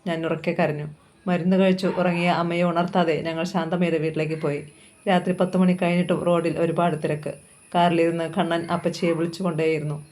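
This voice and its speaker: A woman reads a first-person novel aloud in a steady, sorrowful tone. Her pitch barely moves, which keeps the telling level and unhurried. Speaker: novel reader.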